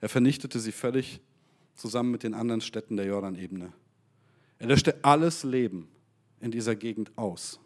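A man's voice: mid-range voice, normal speed, a little mellow. A man preaching in a casual way, talking directly to his listeners and reading a Bible story aloud.

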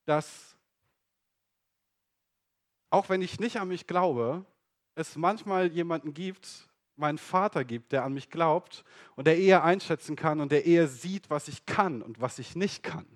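A man preaching a casual sermon in a lively, slangy way, speaking straight to his listeners. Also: a little high, unhurried.

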